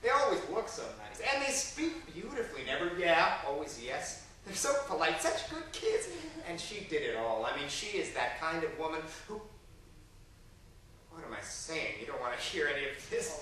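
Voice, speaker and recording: A man's voice: fairly high pitch, big pitch swings, normal speed, sharp tone. A performer acts out a fretful, sentimental divorced dad whose voice swings up and down as he frets. He turns tearful in a flash. The stage recording comes from far back in a very echoey hall, with faint hiss. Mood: wistful. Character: fussy, weepy, newly divorced father. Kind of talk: stage play acting. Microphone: distant room mic.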